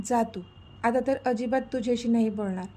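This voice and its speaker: Sulky playful young girl, read by a woman, a bit high, mellow. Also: brisk, close to an everyday voice. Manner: sulky, mock-angry.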